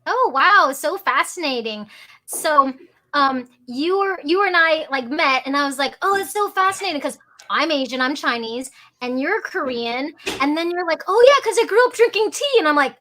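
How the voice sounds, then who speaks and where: An American woman hosts a relaxed interview in a high, bright voice. She is chatty and animated and sprinkles "like" through her sentences. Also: moderate pace. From United States. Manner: chatty, animated, uses "like" often. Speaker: host. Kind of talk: casual interview chat.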